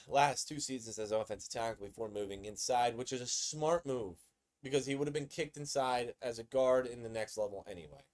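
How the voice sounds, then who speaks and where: A man hosts a laid-back sports commentary video, sounding excitable and chatty and often repeating himself. His voice sits in the mid range, and he talks a little fast.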